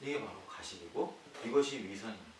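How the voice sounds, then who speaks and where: A male pastor preaching a sermon, posing rhetorical questions to the congregation and swinging between loud emphatic lines and quiet low ones. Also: lively intonation, brisk. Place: church sanctuary. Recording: echoey hall, distant mic, faint hiss.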